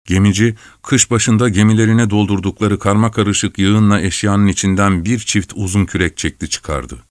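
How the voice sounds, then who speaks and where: A man narrating an adventure story aloud in a dramatic, measured reading. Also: fairly low pitch, fairly even intonation, dry recording, clean studio sound. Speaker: audiobook narrator.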